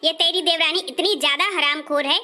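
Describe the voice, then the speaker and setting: A woman playing a loud, scolding older mother-in-law in a comic family skit. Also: sits high, fairly even intonation, brisk. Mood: angry. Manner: scolding, shouting, insulting.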